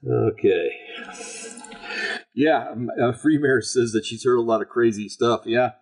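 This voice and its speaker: Hosting an online show, a man with a raspy, gravelly, mid-range voice offers informal religious commentary in a rambling, halting, folksy manner.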